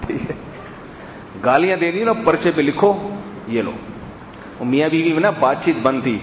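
A man giving a sermon to a live audience, chatting with the crowd, asking them rhetorical questions and dropping to a soft hush to make a point. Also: on the high side, a little hiss or hum. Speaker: preacher and counselor. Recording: echoey hall with faint ambience.

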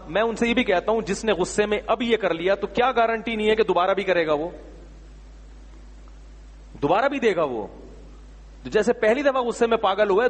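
A man's voice: high voice, long reverb tail. A man giving religious answers to questions in an emphatic, rhetorical manner, sometimes scolding. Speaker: Islamic scholar answering questions. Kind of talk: religious Q&A talk.

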